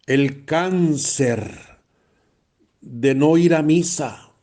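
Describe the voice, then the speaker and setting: A man's voice: on the high side, very slow, dark tone. A man, a priest preaching a blunt, emphatic sermon and repeating phrases for stress.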